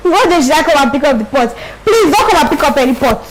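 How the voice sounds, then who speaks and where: A Nigerian woman talks casually to her livestream viewers as she cooks, slipping into pidgin and breaking into laughter again and again. Her voice sits high and bright. The recording carries a clear layer of background noise. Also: quick pace, low-quality recording. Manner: animated, laughs often, mixes in pidgin. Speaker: cooking livestreamer. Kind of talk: casual chat to viewers while cooking.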